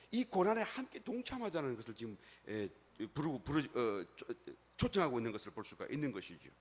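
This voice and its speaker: A man delivering a sermon in church, his voice sitting a little high. He asks the congregation questions as he goes. He pushes key phrases out loudly, then sinks into quiet, lower passages. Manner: preaching with rhetorical questions, rising to emphatic peaks then dropping low. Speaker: pastor.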